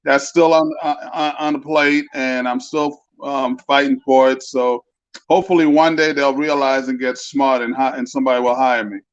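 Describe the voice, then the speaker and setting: A man's voice: medium pitch, level tone, normal speed, no room sound. A man in his fifties, a former basketball player turned coach, chatting as a guest over a video call with a spotty connection. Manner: easygoing, rambling storyteller. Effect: heard over a video call with a spotty connection. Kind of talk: casual interview chat. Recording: dull lo-fi video call audio, dry.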